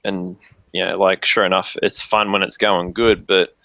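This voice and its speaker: A man's voice: deep voice, little pitch movement, normal speed, vocal fry, pushed and bright. A man chatting casually in sweary, laid-back slang. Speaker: livestream co-host. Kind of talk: casual chat. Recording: muffled lo-fi mic, roomy echo.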